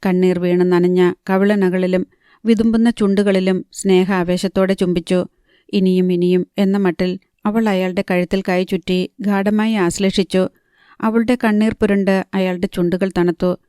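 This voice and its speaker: Mellow, even-voiced woman narrating a novel. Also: on the low side, smooth, dry recording, studio quality. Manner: even, measured reading. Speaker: audiobook narrator.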